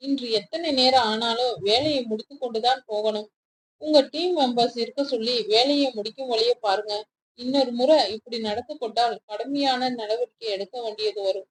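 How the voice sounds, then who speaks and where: A woman's voice: a little high, moderate pace, slightly rough, low-quality recording. A woman voicing a stern young male boss. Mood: scolding. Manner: harsh, scolding.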